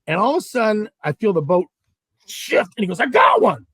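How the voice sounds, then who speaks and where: A guest angler from Southern California tells a fishing story animatedly, full of restarts and asides. His voice is high-pitched and fairly quick, and the recording is dry.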